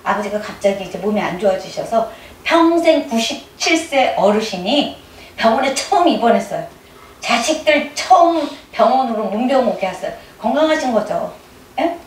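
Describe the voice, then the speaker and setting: A middle-aged woman gives a chatty testimony sermon, her voice sitting a little high. She keeps prodding the congregation with short questions. She is heard from some distance in a reverberant church hall with faint noise behind. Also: sing-song, normal speed. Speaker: church speaker giving testimony. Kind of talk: conversational sermon. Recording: echoey room, mic at a distance.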